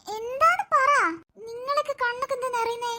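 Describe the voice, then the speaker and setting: A woman's voice: very high-pitched, a little fast, bright, forceful tone. A woman voicing an anxious young woman in a cartoon drama who asks urgent, disbelieving, tearful questions.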